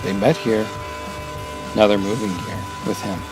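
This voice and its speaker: A man's voice: lowish voice, a little slow, poor audio. A man reading a short scripted intro narration with music behind him.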